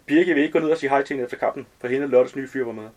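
A man's voice: medium pitch, darkish tone, close to an everyday voice. Chatty, slangy fortyish man, nosy and overly familiar, read by a male author.

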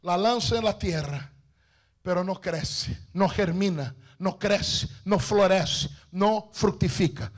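Fervent high-voiced male preacher. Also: slow pace. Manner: fervent, shouted declarations with call-and-response. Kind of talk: sermon.

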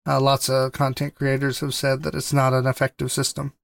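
A man's voice: mid-range voice, monotone, a little fast, creaky. A man co-hosting a gaming podcast in casual chat, easygoing, repeating words and laughing often. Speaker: podcast co-host.

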